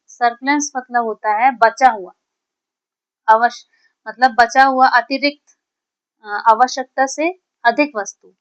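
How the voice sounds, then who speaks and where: Patient higher-pitched woman teaching vocabulary. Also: clean tone. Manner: explains each word slowly, repeating it and asking "what does it mean?"; keeps checking in with "ठीक है" and "है ना". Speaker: English teacher. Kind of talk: exam-prep vocabulary lesson. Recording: slightly dull, lo-fi recording.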